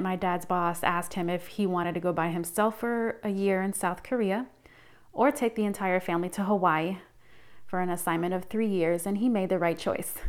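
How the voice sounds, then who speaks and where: A woman's voice: fairly low pitch, smooth. A woman in her thirties hosting her own podcast, telling her life story in an upbeat, scripted narration. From United States. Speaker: podcast host.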